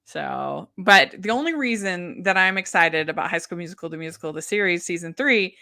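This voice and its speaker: A woman's voice: on the low side, expressive, a little fast, vocal fry, bright, forceful tone. A woman hosting a casual chat about streaming shows, chatty and enthusiastic. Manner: chatty, enthusiastic, laughs often. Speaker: podcast host.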